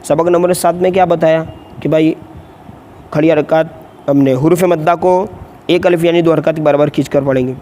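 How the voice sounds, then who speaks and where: A man teaching a Quran reading lesson, explaining quickly and then chanting letter drills slowly and louder. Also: fairly high pitch, fairly even intonation, a little hiss or hum. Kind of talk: tutorial lesson with slow drawn-out drill recitation.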